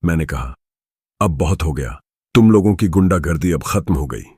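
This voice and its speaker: A man voicing a young undercover woman officer who pleads, then speaks firm and commanding, in a low husky voice. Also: expressive, normal speed, darkish tone, dry recording, clean studio sound, exaggerated voice. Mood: defiant.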